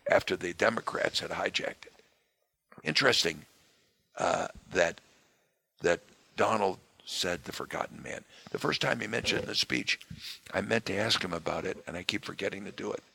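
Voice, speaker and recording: Hoarse male guest, raspy tone, dry close sound, punchy delivery. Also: low voice, moderate pace, sharp tone, no echo. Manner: emphatic, punches key words. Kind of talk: political interview conversation.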